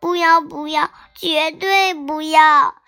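A woman voicing an eager little baby dinosaur boy who talks high and pleading, as in a children's storybook. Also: fairly even intonation, takes it slowly, sharp tone, soft background music, heavily acted.

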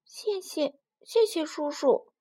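A woman voicing a timid, tearful baby spinosaurus in a children's storybook, squeaky and pleading. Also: expressive, slow pace, mellow. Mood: delighted. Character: crybaby little baby spinosaurus, timid and sweet.

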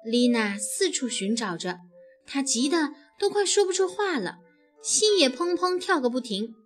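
A woman reads a children's story aloud with expressive, animated storytelling. Her voice is high, and faint music plays behind her. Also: unhurried. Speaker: narrator.

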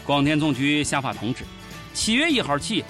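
A man's voice: fairly high pitch, big pitch swings, normal speed, pushed and bright, faint music behind. A man with a Shaanxi accent giving comic news commentary in a mocking, colloquial, sarcastic way. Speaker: host of a satirical news show.

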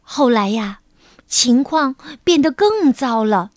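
A woman teacher narrating a children's picture book in a gentle, measured storytelling manner. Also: a little high, big pitch swings, no room sound, clean studio sound.

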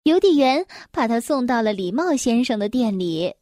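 A woman reading a children's story aloud in a gentle, expressive storytelling voice. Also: on the high side, normal speed, no room sound, clean studio sound.

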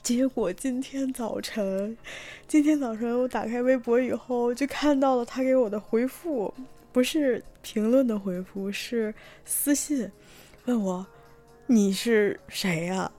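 A young woman from Tianjin, chatting through a personal story with many fillers and restarts, sometimes bursting with excitement. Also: on the high side, measured pace, faint music behind. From Tianjin, China. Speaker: vlogger telling a personal story. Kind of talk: casual storytelling monologue.

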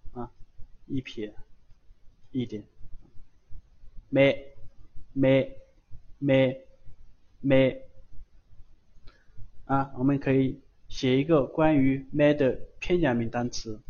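A man's voice: mid-range voice, a little mellow, breathy edge. A man teaching beginners, patiently repeating each sound several times and adding chatty filler particles. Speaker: Japanese language teacher. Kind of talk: online lesson, writing on screen. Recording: dull lo-fi voice recording.

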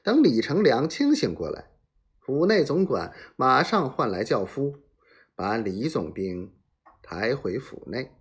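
A man reading a serialized historical novel aloud in a dramatic, measured storytelling manner. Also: mid-range voice, sing-song.

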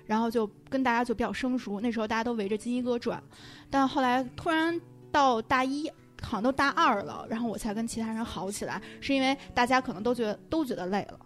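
Woman casually reminiscing, a bit high pitched, informal. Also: fast talker, faint music behind. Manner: conversational, informal. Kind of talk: casual chat, recollecting.

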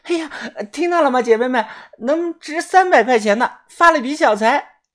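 A woman doing a chirpy, excitable girl. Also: a little high, moderate pace, breathy edge, voice pushed up. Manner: bright and chirpy. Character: cheerful greedy young woman.

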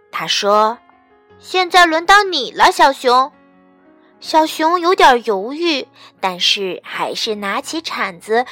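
A woman reading a children's story aloud in a gentle, expressive way. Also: on the high side, dry recording. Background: faint background music.

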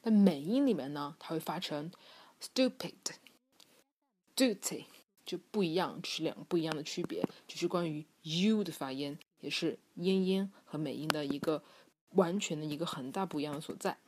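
A woman giving a bilingual pronunciation lesson and stretching each example word out slowly as she demonstrates it. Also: deep voice, darkish tone, a little hiss or hum. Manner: slow, drawn-out demonstration of example words; explanatory, with frequent filler sounds. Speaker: English pronunciation teacher.

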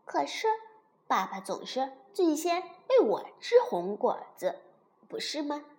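A smug little baby ankylosaur from a children's storybook, put on by a woman narrator. He brags slowly and proudly in a high, lively voice. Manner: smug, drawn-out boasting.

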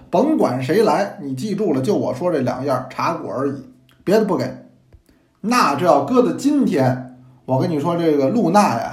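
A man, a teacher telling a historical story in a lively, playful storyteller's manner. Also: fairly high pitch. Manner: lively, animated, playful asides to listeners. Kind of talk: storytelling in traditional narration style. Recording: echoey room.

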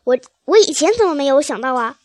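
A quick-witted father fox in a storybook, urgent and commanding as he drives his family on, voiced by a woman reading aloud. The voice is high and close, with a dry, roomless sound. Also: expressive, no echo. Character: clever, determined male fox father.

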